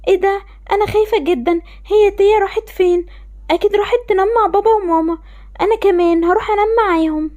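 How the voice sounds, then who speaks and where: A tearful, pleading young girl, voiced by a woman with an Egyptian accent, sounding very high. She talks quickly, as a storybook game character who feels rejected by her family. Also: steady tone, dark tone, muffled recording. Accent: Egyptian Arabic.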